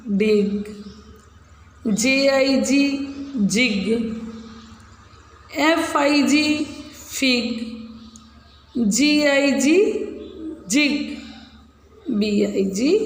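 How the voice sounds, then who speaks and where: A woman teacher giving a phonics lesson to small children, spelling out letters slowly and repeating each word. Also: a little high, creaky. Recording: echoey roomy recording.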